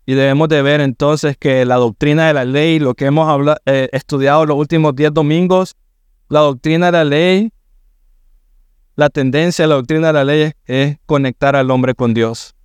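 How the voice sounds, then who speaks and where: Middle-aged male pastor, sermon, smooth resonant voice, dry close sound, earnest and emphatic. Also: fairly high pitch, fairly even intonation, moderate pace, no echo. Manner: earnest, rising to emphatic preaching.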